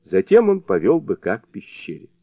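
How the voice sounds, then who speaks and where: A man narrating a fairy tale audiobook in an expressive, storytelling manner. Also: fairly low pitch, moderate pace, dry recording. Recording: dull lo-fi dry recording.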